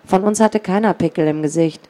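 A woman's voice: on the low side, a little fast, mellow. A woman reading a children's story aloud, giving the children and the gang members their own voices. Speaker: audiobook narrator.

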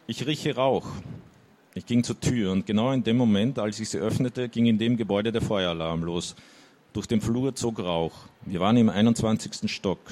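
A man's voice: fairly low pitch, moderate pace, darkish tone. A man reading a first-person novel aloud, with hesitant asides when summarizing. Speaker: audiobook reader.

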